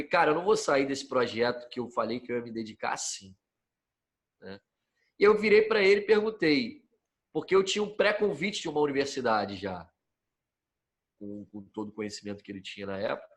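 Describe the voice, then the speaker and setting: Young Brazilian man telling a story. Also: medium pitch. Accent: Brazilian Portuguese. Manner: relaxed, slangy, frequent tag questions. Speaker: podcast guest telling his story. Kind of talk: casual storytelling.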